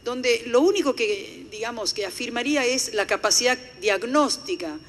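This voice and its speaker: An older Italian woman delivers a formal lecture at a conference in an earnest tone. Her voice is on the high side and expressive, at a moderate pace, and the hall's echo is clearly heard in the recording.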